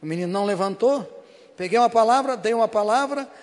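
A high-pitched man preaching with a Brazilian Portuguese accent, pressing his points home by repeating them and calling out to the congregation for agreement. His voice rings with the long reverb of a church hall. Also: quick pace. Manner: emphatic, repeats phrases, keeps asking the congregation "Amém?". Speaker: pastor. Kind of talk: sermon with personal testimony.

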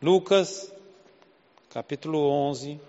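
In a spacious church hall, a pastor from Southeast Brazil delivers a slow, chatty sermon full of rhetorical questions in a Southeast Brazilian Portuguese accent. His voice is on the high side yet dark in tone, and the recording sounds muffled.

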